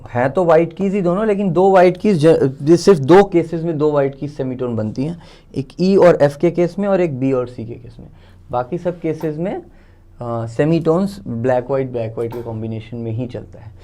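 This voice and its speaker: Speaking a little high at a normal speed, a mellow-voiced man with an Indian accent explains music theory casually while writing. He talks through his thoughts, counts each step aloud, and fixes his own mistakes along the way.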